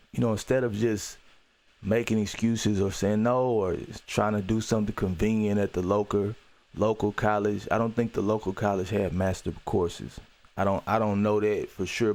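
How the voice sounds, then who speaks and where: Low-voiced man, earnest podcast storytelling. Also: darkish tone. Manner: earnest, repeats key phrases for emphasis; loose, with many "you know" fillers and restarts. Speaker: podcast host. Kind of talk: reflective personal storytelling.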